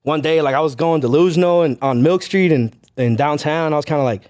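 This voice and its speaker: A young man, telling stories as a podcast guest in a loose, animated way, with lots of "like" and "bro". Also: a little high, brisk. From Chelsea, Massachusetts. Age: young adult. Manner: animated storytelling, heavy use of "like" and "bro". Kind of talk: casual interview chat.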